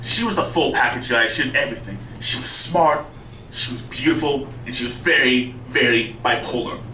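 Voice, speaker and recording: A man doing conversational, self-deprecating stand-up storytelling, with a speech impediment that softens his R's toward W. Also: medium pitch, normal speed. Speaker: stand-up comedian. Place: indoor live stand-up venue with audience. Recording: roomy live club, distant mic, faint noise.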